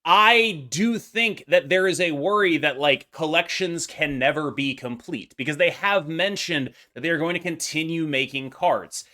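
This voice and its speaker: A man's voice: fairly high pitch, normal speed, hardly any pauses, sharp tone. A man giving unscripted opinion commentary as a gaming content creator, arguing emphatically and discursively with many qualifications.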